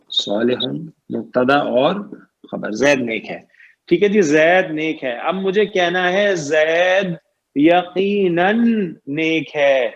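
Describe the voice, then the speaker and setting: A man's voice: fairly high pitch, muffled recording, a little hiss or hum. A man teaching Arabic grammar in an online lecture. He stretches out key terms and keeps quizzing his students. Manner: repeats "ٹھیک ہے جی" and "صحیح ہے جی" often.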